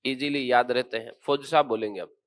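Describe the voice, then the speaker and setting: A man's voice: mid-range voice, brisk. A male teacher giving a geography lesson in a classroom, quizzing students and then explaining points firmly.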